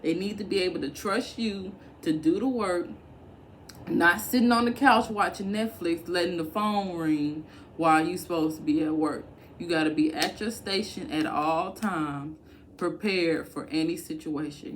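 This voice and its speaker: A woman vlogger speaks straight to her viewers in a slightly low voice, punching her points with blunt, colloquial emphasis. She sounds candid and a little preachy as she lays out advice. A faint room ambience sits behind her. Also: normal speed, a little hiss or hum. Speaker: work-from-home advice vlogger. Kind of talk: casual direct-to-camera advice.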